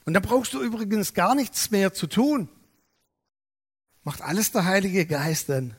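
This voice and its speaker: A man preaching a sermon, telling stories lively and acting out the dialogue. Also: high voice, measured pace, slightly rough, big-room sound. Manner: lively storytelling, acts out dialogue. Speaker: pastor.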